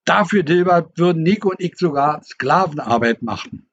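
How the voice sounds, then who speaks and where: A man voicing a quick-witted, cheerful young woman with brisk, spirited speech, on a dull lo-fi recording. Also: fairly high pitch, lively intonation, husky, no echo.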